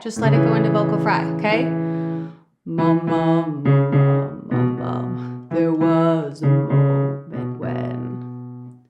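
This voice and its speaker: A woman vocal coach giving an upbeat, encouraging singing lesson, talking straight to her students and singing short demonstration lines. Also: mid-range voice.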